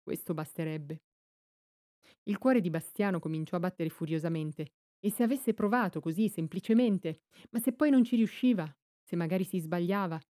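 A woman reading an audiobook in a calm, measured storytelling voice. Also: fairly low pitch, no echo, clean studio sound. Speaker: audiobook narrator. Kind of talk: scripted audiobook narration.

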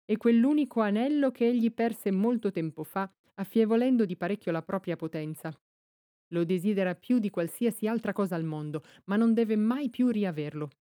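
A woman voicing an old male wizard in an audiobook reading, slow and solemn. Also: medium pitch, mellow, no echo, clean studio sound, natural voice. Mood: grave. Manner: slow, solemn storytelling speech.

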